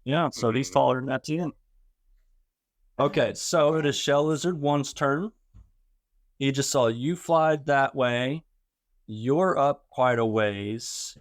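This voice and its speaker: A man's voice: mid-range voice, slow, long pauses, dry recording, studio quality. Middle-aged man running a tabletop game. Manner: explains rules and describes the action step by step. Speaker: game master.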